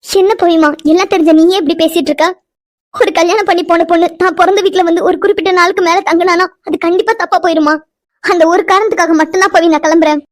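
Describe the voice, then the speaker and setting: Woman doing a sweet mom figure in a cartoon, soothing but firm, really high fast voice. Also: steady tone. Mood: tender. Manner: soothing, affectionate. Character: caring motherly older woman, gentle but firm. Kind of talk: cartoon voice acting.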